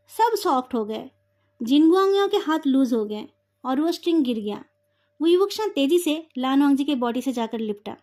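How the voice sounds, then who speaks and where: Woman narrator retelling a novel, high voice, steady storytelling read.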